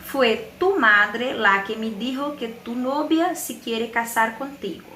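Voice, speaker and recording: Bright-voiced Brazilian woman teaching Spanish. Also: a little high, takes it slowly, reverberant, a little hiss or hum. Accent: Brazilian Portuguese. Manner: patient, explanatory, frequent checks with "tá?". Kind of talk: recorded class review, explaining exercises.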